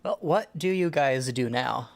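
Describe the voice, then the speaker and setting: A man narrating a tabletop role-playing game as game master, describing scenes in a halting, improvised way. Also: mid-range voice, animated, vocal fry, slight background noise.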